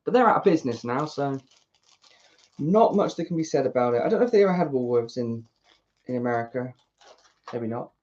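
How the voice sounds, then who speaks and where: Here the British woman has a bass voice, slightly mellow, and speaks in an animated, brisk way broken by long pauses. Working on a model kit for her YouTube channel, she rambles casually, chats to herself, and runs herself down, all captured on a dull lo-fi mic.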